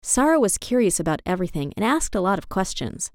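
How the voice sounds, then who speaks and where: A woman reads a children's storybook aloud with an animated, expressive delivery. Her pitch moves lively up and down through the sentences. The sound is close and dry, with no room echo. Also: quick pace. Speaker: narrator.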